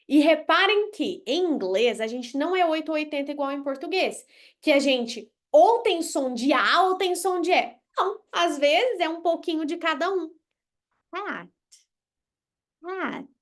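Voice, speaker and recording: Brazilian lady teaching english live, high bright voice, blunt and jokey, overdoes the pronunciation drills. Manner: blunt, playful, exaggerated pronunciation demos. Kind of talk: live online English lesson.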